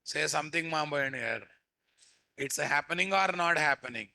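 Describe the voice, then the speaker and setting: A man's voice: on the high side, lively intonation, moderate pace, creaky, bright, forceful tone. A man with a Telugu Indian accent teaching a live coding lesson, repeating phrases and prompting students with questions. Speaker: programming instructor.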